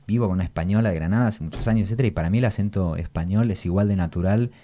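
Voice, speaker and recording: A middle-aged Argentine writer being interviewed, speaking in a reflective, anecdotal way with an accent that shifts between Argentine and Spanish from Spain. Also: male voice, deep voice, racing, mellow. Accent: Argentine Spanish mixed with Spanish from Spain. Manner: reflective, anecdotal, tag questions, swings between two accents. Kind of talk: relaxed conversational interview.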